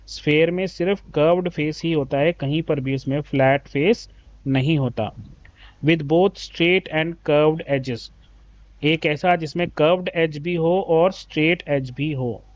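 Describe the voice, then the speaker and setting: The teacher here is a man guiding children through maths with patience, slowly reading English questions and then explaining in Hindi while calling them "beta." His voice runs on the high side and is slightly mellow, in a dry recording.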